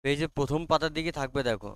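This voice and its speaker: A male teacher with a Bengali accent running a classroom lesson, quizzing his students and reading English lines slowly aloud. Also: on the high side, a bit bright, clear, resonant tone, no echo.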